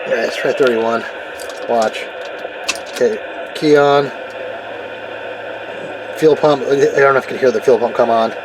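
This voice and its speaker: His voice is mid-range and steady, at a measured pace with frequent pauses. He's a hobbyist making a casual, hands-on video about car radio gear, thinking aloud while he tinkers, with clear vehicle and ambient noise in the background.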